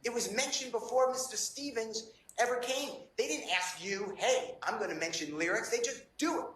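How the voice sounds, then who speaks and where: A man's voice: very high voice, normal speed, fairly bright tone, echoey room, a little hiss or hum, low-quality recording. A man working as a defense attorney, pleading insistently with a judge in a courtroom.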